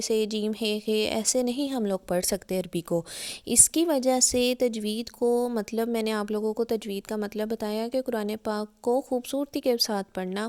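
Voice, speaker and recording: A woman's voice: a little high, mellow. A woman with a Pakistani Urdu accent teaching Quran recitation, patiently repeating and spelling out letters one by one. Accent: Urdu-speaking Pakistani. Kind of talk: explanatory religious lesson.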